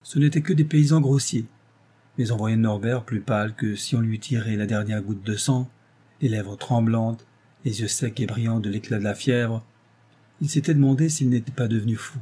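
A man narrating a novel in a measured, dramatic reading. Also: fairly low pitch, warm tone, slightly rough. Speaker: audiobook narrator.

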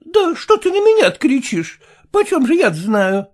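Woman reading as a defensive middle-aged mother, exasperated and pleading, high lively voice, audiobook. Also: moderate pace.

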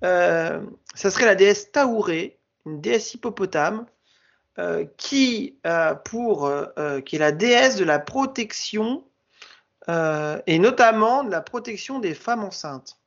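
A man with a high, gravelly voice talks casually on a podcast, stopping and restarting often. The sound is muffled and lo-fi. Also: expressive, slow pace. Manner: hesitant, many fillers and restarts. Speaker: podcast co-host. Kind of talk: casual chat.

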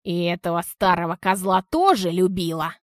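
A woman's voice: lowish voice, moderate pace, dry recording, studio quality, lightly acted. A woman reading an audiobook, voicing an enraged older wife who screams insults. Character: furious older woman, shrill, hot-tempered.

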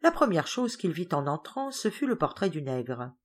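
Expressive woman reading an audiobook. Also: low-pitched. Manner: expressive, measured storytelling. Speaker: audiobook narrator. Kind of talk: audiobook reading of a classic novel.

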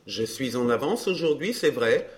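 A man reading a glib, self-assured gentleman in an audiobook dialogue, smooth and bantering. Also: mid-range voice, expressive, moderate pace, natural voice.

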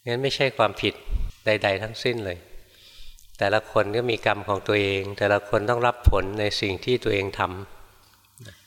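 An older man, a monk teacher, giving a calm, unhurried Dharma talk and gently admonishing listeners as he answers their practice reports. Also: on the low side, in a large hall.

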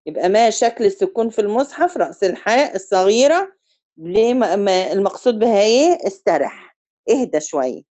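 Egyptian woman teaching recitation, drawn-out examples. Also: medium pitch, sing-song, mellow. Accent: Egyptian Arabic. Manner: quizzes students and drawls example words slowly to demonstrate them. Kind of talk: tajweed review lesson.

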